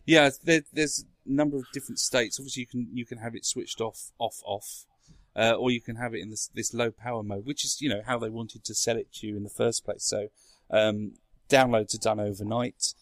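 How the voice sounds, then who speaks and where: A man's voice: mid-range voice, steady tone, a little fast, hardly any pauses, no room sound. A man in a casual tech chat, explaining things in a rambling way as a podcast speaker. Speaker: podcast guest or co-host explaining a console.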